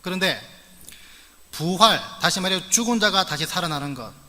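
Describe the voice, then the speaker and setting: In a church sanctuary with long hall reverb, a middle-aged pastor from Korea's Gyeongsang region preaches earnestly, slipping in humorous asides. His high voice is animated and sharp, and he talks fast.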